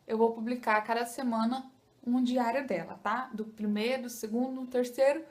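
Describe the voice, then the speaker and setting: Young woman, Brazilian accent, chatty vlog talk, voice a bit on the high side. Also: little pitch movement, normal speed, a little mellow. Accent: Brazilian Portuguese. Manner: chatty, addresses viewers with "gente" and "tá?". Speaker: vlogger, new mother. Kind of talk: casual chat to camera.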